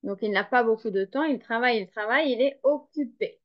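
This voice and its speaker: A woman teaching French, reading a dictation slowly and explaining each word with care. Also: fairly high pitch. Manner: slow, careful, spells and explains each word. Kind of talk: slow dictation lesson. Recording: dull lo-fi sound.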